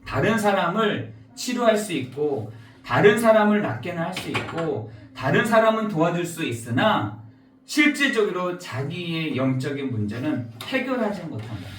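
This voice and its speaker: A male pastor preaching in a high, widely swinging voice, pressing home his point with stacked rhetorical questions. He sounds set back from the mic in an echoey sanctuary, with a faint hiss underneath. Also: recorded from a distance. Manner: emphatic, repeats rhetorical questions to the congregation. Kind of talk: sermon. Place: church sanctuary.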